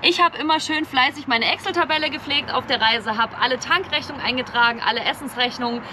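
High-voiced woman vlogging outside. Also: fast talker, bright, forceful tone. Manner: chatty, lists figures step by step. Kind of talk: casual to-camera vlog. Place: outdoors on a street, seated in an open van boot. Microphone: camera at a few metres. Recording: outdoor street noise behind.

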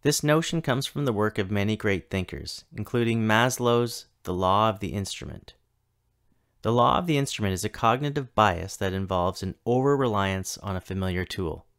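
In this scripted keynote for a virtual conference, a tech coordinator in his thirties reads steadily from home or an office. His voice sits a little low, and his measured pace includes a pause after every item he lists.

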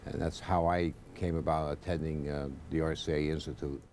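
A man's voice: a bass voice, level tone, moderate pace, darkish tone, a little hiss or hum. A man, a graduate and lab president, recalling his training hesitantly in an interview. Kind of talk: interview recollection.

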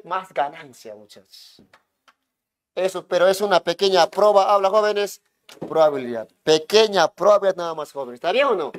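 A man lecturing a classroom as economics teacher, hushing students and repeating himself to make points stick. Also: high-pitched. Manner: keeps hushing and calling on students, repetitive.

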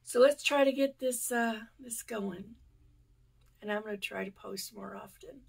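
A woman's voice: medium pitch, a little slow, creaky, slightly rough. A woman chatting casually on her channel, rambling with lots of fillers, stuffy and congested from a cold. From United States. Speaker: yarn channel vlogger. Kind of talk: casual chat to camera.

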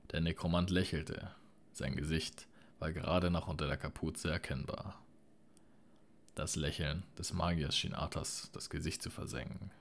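Audiobook narrator, male, very deep voice, steady measured reading. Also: a little hiss or hum.

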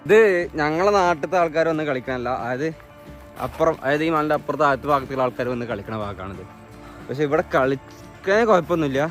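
A man's voice: fairly high pitch, lively intonation, quick pace, soft background music. A young man with a Malabar Malayalam accent, chatting casually on an outdoor vlog and dropping English words into his Malayalam. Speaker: vlogger. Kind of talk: casual chat with a companion. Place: outdoors on a hilltop.

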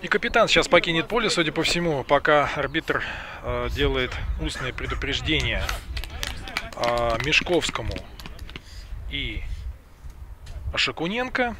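A man giving live football commentary in a conversational, improvised, explanatory way. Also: medium pitch. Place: outdoors at a football ground. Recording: outdoor crowd noise behind commentary.

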